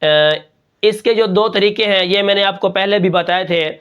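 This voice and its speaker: A male Quran reading teacher, explaining step by step and spelling syllables out slowly with rhetorical questions. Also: sits high, fairly even intonation, a bit bright, smooth, highs cut off. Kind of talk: spoken lesson on Quran spelling.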